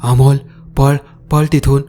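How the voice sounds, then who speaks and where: An alarmed friend on the phone, as a male storyteller puts him on. He shouts urgent warnings, and the tone stays low and mellow. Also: normal speed, slight background noise, natural voice.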